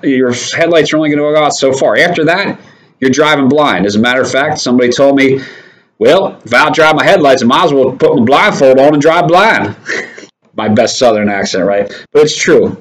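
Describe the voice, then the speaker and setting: A man's voice: medium pitch, rough recording. Friendly guy doing a daily safety update for drivers, upbeat, keeps saying right?. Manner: upbeat, encouraging, often adds "right?". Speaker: company safety update host. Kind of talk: casual company video update.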